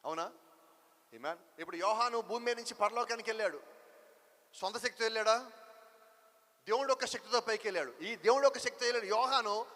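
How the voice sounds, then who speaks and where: Male preacher with a very high, forceful voice, emphatic and repetitive, sermon in a reverberant hall. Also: fast, pauses often. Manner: emphatic, repeats rhetorical questions.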